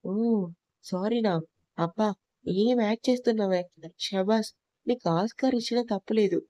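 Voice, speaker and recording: A woman's voice: medium pitch, normal speed, warm tone, no room sound, natural voice. A woman voicing a stern, possessive young husband in a storybook reading, speaking harshly and commandingly. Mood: mocking.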